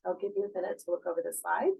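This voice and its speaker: Hoarse from a cold, a woman gives an academic conference presentation in a measured way, using frequent fillers and putting questions to the audience. Her voice is lowish and mellow.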